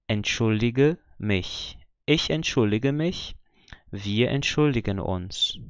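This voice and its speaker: A man teaching German pronunciation, patiently spelling out syllables and saying example words slowly. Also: fairly low pitch, smooth, no echo, muffled recording. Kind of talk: explaining pronunciation lesson.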